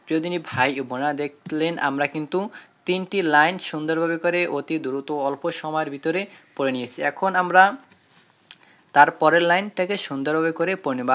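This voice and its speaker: A Quran reading teacher giving an online lesson, stretching out letter names loudly and quizzing the listener with repeated questions. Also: mid-range voice. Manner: drawn-out, sung-out letter names in call-and-response drills. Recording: slightly dull, lo-fi audio.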